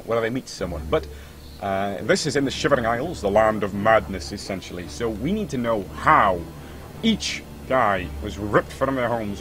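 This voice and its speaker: A man's voice: medium pitch, fairly bright tone. A man running a tabletop game as game master, talking casually with many hesitant fillers.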